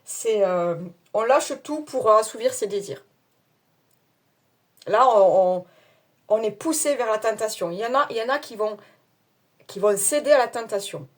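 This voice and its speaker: A woman's voice: fairly high pitch, expressive, normal speed, pauses often. Chatty French-speaking woman reading tarot. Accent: non-standard French accent. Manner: chatty, hesitant with many fillers, laughs at herself. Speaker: tarot card reader. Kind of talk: casual tarot reading to camera.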